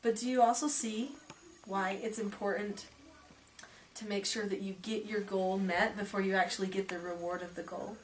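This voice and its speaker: A middle-aged woman speaks in a calm, gentle, reassuring way as a parenting teacher. Her voice sits at an ordinary pitch for a woman. The recording is taken from a distance, with a faint hiss behind it. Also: moderate pace.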